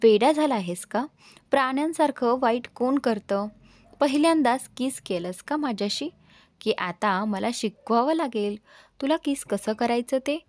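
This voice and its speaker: Woman reading a young actress girlfriend, coaxing manner, English words mixed in, higher voice. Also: animated, measured pace, no room sound. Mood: angry. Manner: coaxing, mixes English into speech.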